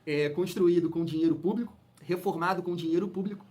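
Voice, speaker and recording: Opinionated man, high voice. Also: brisk, darkish tone. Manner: opinionated, heated, colloquial, addresses fans as family. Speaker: football channel host. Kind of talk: casual football commentary to viewers.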